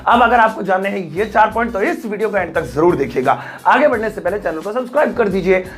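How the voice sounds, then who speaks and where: A man's voice: high-pitched, animated, fast talker, faint music behind. An Indian man teaching English in Hindi, talking chattily and acting out little scenes with friends and pupils. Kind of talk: Hindi-language English lesson to camera.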